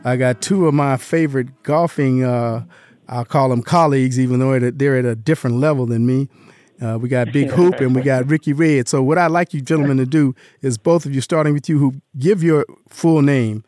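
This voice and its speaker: A man's voice: medium pitch, fairly quick, darkish tone, no room sound. A man hosting a radio interview show from a studio, friendly and encouraging, filling in with short affirmations.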